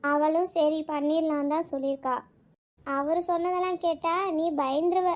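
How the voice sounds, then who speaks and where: A woman's voice: sits high, steady tone, moderate pace, darkish tone, lightly acted. A woman voicing a teasing cartoon mother. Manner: breezy, teasing. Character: teasing middle-aged mother of the bride.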